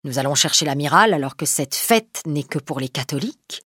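An eager, violent young male swordsman, voiced by a woman reader, excitable and quick to shout. The tone is breathy and dry, with wide pitch swings. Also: no echo, heavily acted. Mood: curious.

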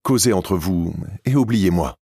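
A man reading an audiobook, voicing an elderly deaf noblewoman in a raised, soft voice with slow, drawn-out phrasing. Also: sits low, expressive, husky, no room sound, studio quality, pitched above the performer's own voice, heavily acted. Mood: gentle.

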